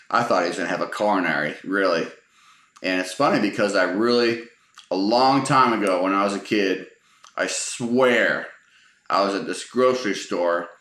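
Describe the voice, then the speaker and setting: A man's voice: low-pitched, a bit bright. A middle-aged man telling humorous stories from his life in a rambling, casual way, with lots of fillers and chuckles. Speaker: storyteller. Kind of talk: casual spoken storytelling. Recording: roomy echo.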